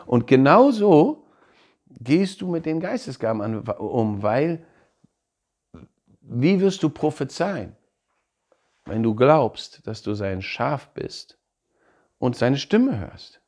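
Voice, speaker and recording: Male pastor, mid pitch, lively sermon delivery that acts out the voices he quotes. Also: takes it slowly, pauses often. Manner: animated preaching, laughs, acts out quoted voices.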